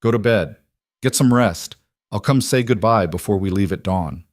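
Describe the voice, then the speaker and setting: A man's voice: fairly low pitch, moderate pace, no room sound, studio quality, natural voice. A man playing a stern, ruthless cattle baron who talks in clipped, curt sentences.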